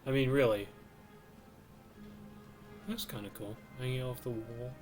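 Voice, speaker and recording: Guy streaming a game, talks slow and thinks out loud, faint music behind. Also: mid-range voice, fairly even intonation. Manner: slow, musing, mutters to himself. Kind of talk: casual gameplay commentary.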